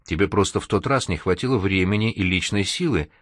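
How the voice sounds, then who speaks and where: A man's voice: low voice, fairly quick, fairly bright tone, no echo, clean studio sound. A man reading an audiobook, voicing a caring young woman who encourages a friend in a soothing manner. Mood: encouraging.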